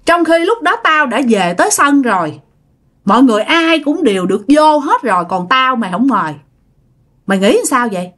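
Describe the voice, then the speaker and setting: A woman's voice: mid-range voice, lively intonation, normal speed, fairly bright tone. A woman voicing the angry ghost of an old woman who scolds her nephew. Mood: scolding. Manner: scolding, accusing.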